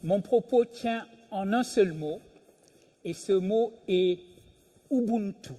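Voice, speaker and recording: Older guy giving a talk, high-ish but dark mellow voice, slow and deliberate with lots of pauses. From Senegal. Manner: measured, deliberate delivery with emphatic pauses. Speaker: invited speaker, philosophy professor. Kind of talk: lecture at a public event.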